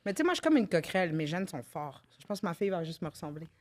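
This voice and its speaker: Low-voiced Québécoise woman in her thirties. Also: very animated, very fast, darkish tone. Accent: Québécois French. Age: 30s. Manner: reflective and teasing, with frequent fillers. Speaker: podcast co-host. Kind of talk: casual chat.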